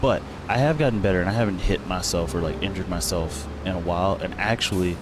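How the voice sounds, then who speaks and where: A young man with a low voice talks fast and casually while streaming a farming game, with a noisy background. He rambles, using lots of fillers and correcting himself as he goes.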